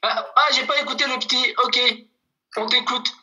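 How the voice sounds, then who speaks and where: A language teacher giving an online lesson over a video call, patiently repeating words slowly for students. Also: sits high, steady tone, sharp tone, low-quality recording.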